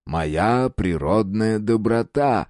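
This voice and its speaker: A man's voice: medium pitch, lively intonation, moderate pace, dark tone, no room sound, clean studio sound, close to an everyday voice. A man voicing a cagey middle-aged businessman who pleads and turns sugary.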